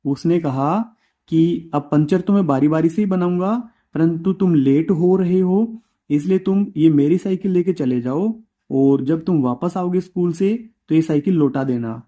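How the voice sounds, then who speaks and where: Slow, mellow-voiced male teacher. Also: fairly high pitch, muffled recording. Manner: slow, repeats and dictates words one at a time. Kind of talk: homework walkthrough for children.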